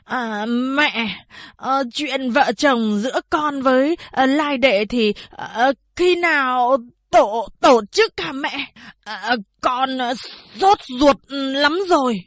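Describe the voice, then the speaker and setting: A woman's voice: high-pitched, animated, takes it slowly, fairly bright tone, no room sound, pitched above the performer's own voice, heavily acted. A woman voicing a brash drunk young man who slurs and drawls his words. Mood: drunken drawl. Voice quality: slurred, drawling.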